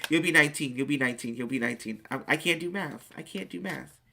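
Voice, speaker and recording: Reading viewer questions aloud on a live stream, this teenager in their late teens answers in excitable bursts. Their mid-range voice moves fast and sounds creaky, and there's slight background noise.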